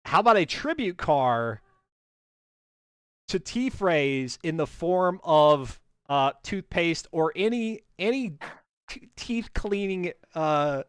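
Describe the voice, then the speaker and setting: A man's voice: fairly high pitch, animated, slow pace, smooth, no echo, clean studio sound. A man hosting a racing stream, chatting casually and joking, often restarting his sentences and laughing. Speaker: stream host.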